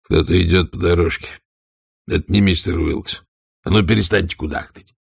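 Gruff contemptuous old man, as a reader voices him. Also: sits low, steady tone, moderate pace, heavily acted. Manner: contemptuous, commanding.

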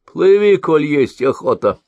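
A man's voice: very animated, no room sound, lo-fi sound. A man reading an audiobook voices a cunning old crone who ferries travelers and mocks them. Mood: sly. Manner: high cracked wheedling old-woman voice, slow and drawn out. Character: cunning old crone ferrywoman, mocking and sly.

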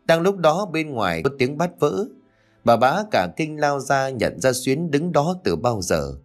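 Guy reading a story out loud, super lively pitch, soft music underneath. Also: measured pace. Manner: dramatic, expressive. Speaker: audiobook narrator. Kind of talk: storytelling narration.

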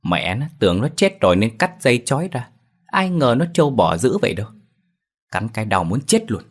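A man with a deep voice playing a hot-tempered middle-aged dog butcher who swears loudly. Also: brisk. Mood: angry. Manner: gruff, cursing, raised voice.

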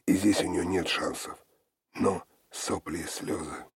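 A man narrating an audiobook in a low, even, gravelly delivery. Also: measured pace, no room sound, clean studio sound.

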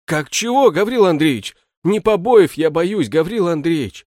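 A man voicing a put-upon male shoemaker servant who pleads and laments in a high, raised voice. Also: expressive, normal speed, dry recording, studio quality, natural voice. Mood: pleading lament. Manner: plaintive, pleading, high and loud. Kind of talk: audiobook character reading.

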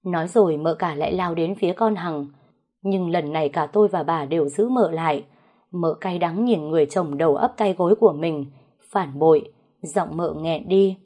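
A woman with a low-set voice tells a first-person family drama story. Her narration is dramatic, with sly knowing asides between the scenes. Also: normal speed, dark tone.

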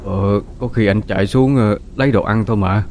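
A man's voice: fairly low pitch, brisk, darkish tone, slight background noise, natural voice. A man voicing a sleepy, dismissive young husband, hesitating with fillers.

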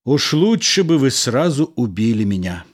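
A man's voice: mid-range voice, sing-song, moderate pace. A man reading the part of a gloomy, cornered lover who mutters and offers himself up dramatically. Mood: sullen. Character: sullen, cornered male lover in bed. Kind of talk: audiobook character reading.

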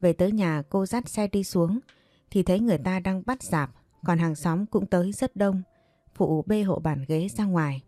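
A woman narrating a family drama story in a calm, steady storytelling manner. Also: lowish voice, normal speed, no room sound, studio quality.

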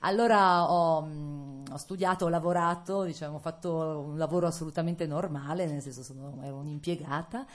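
A middle-aged woman from Italy, an actress, recounts her path in a lowish voice. She hesitates, fills pauses, and laughs often while talking casually to students in a lecture hall. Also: fairly even intonation. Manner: hesitant, laughing storytelling with many fillers. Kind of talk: casual autobiographical talk to students.

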